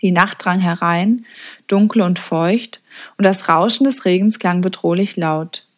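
A woman narrating an audiobook in a measured, expressive way. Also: fairly low pitch. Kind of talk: scripted storybook narration.

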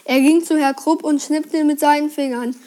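Woman reader with a high voice, lively storybook reading for kids. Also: moderate pace. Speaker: reader presenting a children's book. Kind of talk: reading a children's book aloud.

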